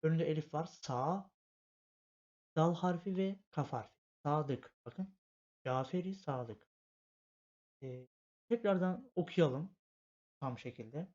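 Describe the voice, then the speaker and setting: Unhurried and leaving long pauses, a man with a fairly high, slightly mellow voice works through a language lesson, spelling out letters patiently and repeating himself a lot. It was captured as a dull lo-fi home recording.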